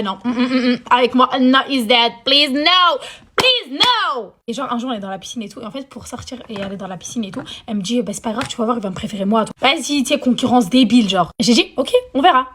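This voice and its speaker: A woman's voice: on the high side, slight background noise. A young woman telling a childhood story in a chatty, dramatic way, full of slang and English phrases. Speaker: storyteller vlogger. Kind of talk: casual story time.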